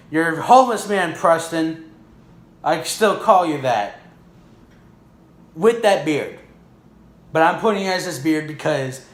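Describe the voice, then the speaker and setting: Man, casual vlog monologue, rambling, fillers, slightly high voice, echoey room. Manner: rambling, frequent "you know" and "like". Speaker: vlogger.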